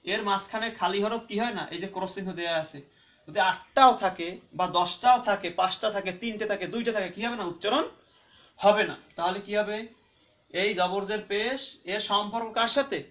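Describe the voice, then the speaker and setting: High-voiced man teaching Quran reading. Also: fairly bright tone. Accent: Bangladeshi Bengali. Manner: asks and answers his own questions, repeating terms slowly; drawn-out syllable-by-syllable spelling of letters. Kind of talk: spoken classroom-style lesson.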